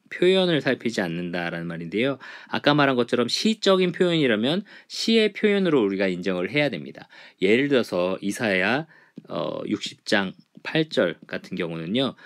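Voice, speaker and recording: A middle-aged man lecturing a church Bible class, explaining point by point with frequent fillers. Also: on the low side. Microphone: writes on a board while teaching.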